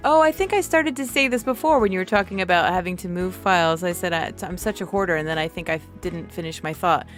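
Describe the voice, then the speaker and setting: A woman from New York chats on a game stream in a lowish voice, telling stories in a rambling way with many restarts. Faint music plays behind her. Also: fast. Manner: rambling, chatty storytelling with many restarts and laughs. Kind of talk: casual chat while gaming.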